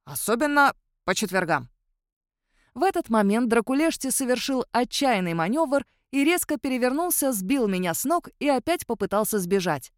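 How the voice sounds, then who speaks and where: Animated woman narrating a story. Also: on the high side, brisk, few pauses, no room sound, clean studio sound. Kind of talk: audiobook storytelling.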